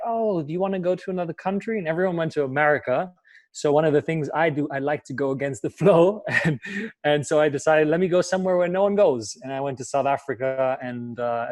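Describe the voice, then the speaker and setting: Here the German life coach's voice runs on the high side, recorded dry. Speaking English as a second language, the young man tackles interview questions with eager energy and a steady stream of fillers.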